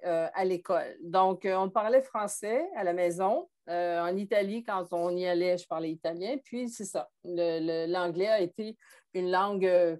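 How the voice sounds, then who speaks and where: A woman's voice: on the low side, a little mellow. A woman in her sixties from Montreal with a Québécois French accent, a podcast guest telling her story in a thoughtful way with frequent hesitations. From Montreal, Quebec. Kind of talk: conversational interview.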